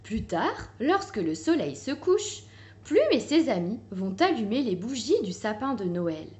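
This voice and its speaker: A woman reads a children's picture book aloud, slow and unhurried. Her somewhat high voice rises and falls with lively, singsong expression, gentle and clear for young listeners. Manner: gentle, expressive storybook reading. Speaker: storyteller.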